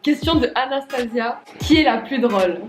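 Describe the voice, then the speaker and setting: A woman's voice: on the high side, expressive, moderate pace. A young woman hosting a video in casual, slangy chat, joking playfully as she reads out questions. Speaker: video host reading viewer questions. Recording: roomy echo, music underneath.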